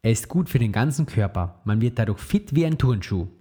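A man reading the lines of a kind, patient mother in a children's story, in a gentle, explaining tone. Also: medium pitch, lively intonation, brisk, husky.

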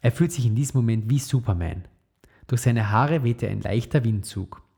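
A man narrating a children's story aloud in a steady, clear read-aloud manner. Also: mid-range voice, normal speed.

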